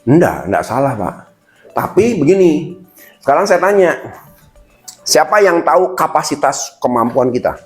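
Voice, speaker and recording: Lively man giving a seminar. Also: fairly high pitch, unhurried, long pauses, faint music behind. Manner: lively, addresses listeners as "Pak", acts out quotes. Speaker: motivational speaker. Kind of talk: seminar talk to an audience.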